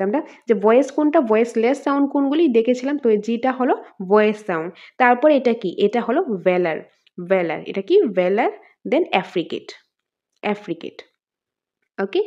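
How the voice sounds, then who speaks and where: A woman's voice: fairly high pitch, darkish tone, dull audio. A woman teacher, giving an exam-prep lesson and repeating terms and example words aloud as a drill.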